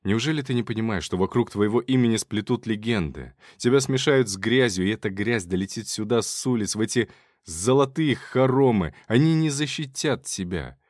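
A man's voice: lowish voice, expressive, normal speed, few pauses, no room sound, clean studio sound, natural voice. A man reading aloud as a jealous, distraught young man who reproaches his beloved in an agitated voice, in an audiobook. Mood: accusing. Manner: agitated, reproachful, breaking into hysterical laughter.

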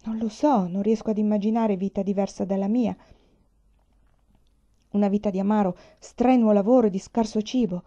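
A woman voicing a calm, good-natured young peasant man who speaks plainly. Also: mid-range voice, moderate pace, natural voice. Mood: earnest. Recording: dull lo-fi recording.

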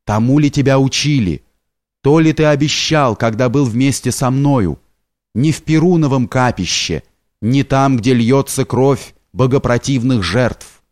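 A fiery old grey-haired fisherman, as a male narrator plays him who scolds the young and rails at a stranger. His delivery is agitated and stern, mid-pitched and dry, recorded up close. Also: measured pace, a little mellow, dry recording, close to an everyday voice.

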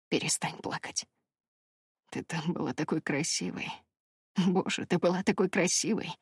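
A woman reading the part of a remorseful young fisherman in love, speaking low in a husky half-whisper. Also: dry recording, clean studio sound, heavily acted. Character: remorseful crab-fisherman lover, young man.

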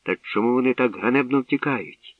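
A man narrating a novel in a steady, measured reading. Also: mid-range voice, no room sound. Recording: tinny lo-fi radio recording, distant.

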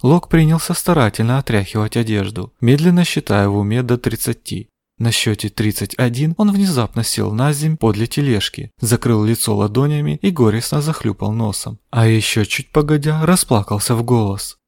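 Measured male audiobook narrator, dry sound. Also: medium pitch, lively intonation, creaky, darkish tone, no echo. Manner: measured storytelling. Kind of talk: scripted narration. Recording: dry close studio sound.

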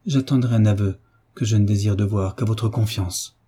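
Brief: a man voicing a kind, earnest tutor in an audiobook, soft dark tone, a bit husky. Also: lowish voice, fairly even intonation, moderate pace. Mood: gentle earnest.

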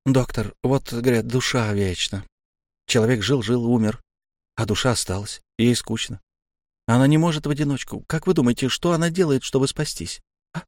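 A man's voice: medium pitch, moderate pace, dry recording, studio quality, close to an everyday voice. A man doing a mumbling frightened male mental patient. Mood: pleading. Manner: mumbling, swallowing syllables. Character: anxious male psychiatric patient, fearful and muttering.

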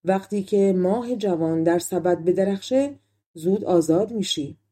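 A woman's voice: on the low side, dark tone, lightly acted. A woman voicing a hunchbacked old witch woman with a harsh, grating voice, in a storybook reading. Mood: menacing.

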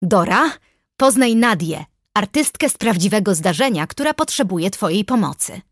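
A woman's voice: medium pitch, expressive, moderate pace, breathy edge, no echo, studio quality. A woman reading an audiobook, voicing a bubbly, pushy young woman friend who chatters on. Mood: cheerful. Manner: chirpy, chattering.

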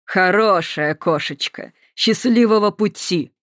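A cruel male Nazi officer who drags his words out slowly with a sneer, as a narrator puts him on. He barks his orders loudly. The audiobook recording is dry. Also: mid-range voice, no room sound. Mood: mocking. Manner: slow, sneering, drawn out.

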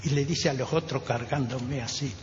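Older Rioplatense man as a radio witness, halting and repetitive; dull, hissy, reverberant recording. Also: mid-range voice. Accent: Rioplatense Spanish. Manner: halting, repeats words, acts out others' voices. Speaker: witness guest. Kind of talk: personal testimony on radio. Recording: dull roomy radio recording with faint hiss.

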